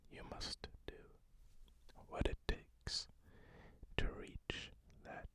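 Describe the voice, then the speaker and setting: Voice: very slow, pushed and bright. A person whispering an ASMR pep talk of positive affirmations, repeating short phrases. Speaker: ASMR host.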